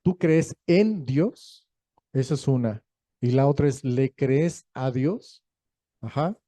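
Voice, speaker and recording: Dark-voiced pastor preaching. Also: male voice, mid-range voice, slow pace, no room sound. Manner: lively storytelling, acting out quoted voices; jokey, laughs between points. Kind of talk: sermon.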